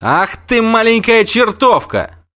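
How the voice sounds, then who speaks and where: A man voicing a loud, blustering wounded soldier in an audiobook reading. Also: very high voice, wildly swooping pitch, slow, pitched above the performer's own voice, full character voice. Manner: shouting, blustering.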